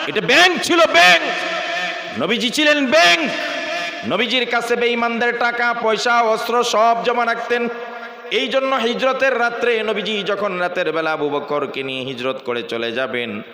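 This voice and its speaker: A man preaching a sermon in a storytelling manner that builds into shouted fervor, over loudspeakers at a large gathering. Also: mid-range voice. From Bangladesh. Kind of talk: sermon at an outdoor religious gathering. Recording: echoey hall, public address sound.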